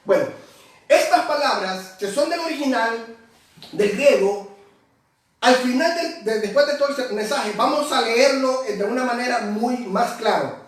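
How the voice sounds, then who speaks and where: High-voiced preacher in an echoey hall. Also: male voice. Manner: explains word by word, addresses listeners as brother. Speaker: pastor. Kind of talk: sermon. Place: church hall. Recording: very echoey hall, far from the mic.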